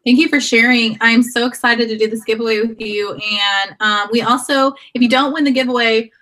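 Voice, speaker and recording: Hosting a live online chat over a video call, a woman with a slightly high, somewhat bright voice rambles and restarts her sentences. A cold has given her a sore throat, though her tone stays steady and her speed normal.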